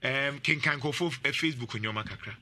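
Bright-voiced man, animated host. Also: medium pitch, fast talker, slight background noise. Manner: animated, laughs often. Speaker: talk show host. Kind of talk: casual commentary mixing Twi and English.

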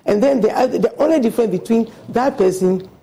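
Lady on a radio talk show, gravelly and dark, preachy and earnest. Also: on the high side, a little fast, low-quality recording. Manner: passionate, preachy, acts out quoted voices. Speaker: guest.

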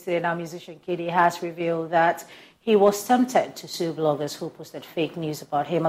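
A woman presenting entertainment news, reading a script in a measured, formal way. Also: sits low, darkish tone, slight background noise.

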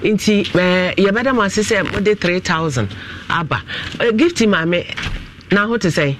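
A man with a Ghanaian accent, a pastor questioning family members in a dispute in an animated, coaxing manner. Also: high-pitched, measured pace, slight background noise. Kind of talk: mediating a family dispute on a broadcast.

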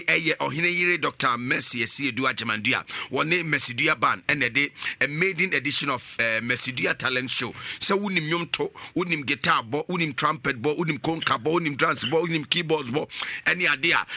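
A man, leading a call-and-response blessing on the radio, chanting names and shouting prayers. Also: on the high side, fairly quick, gravelly, dry recording. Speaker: radio preacher. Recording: radio broadcast with loud music behind.

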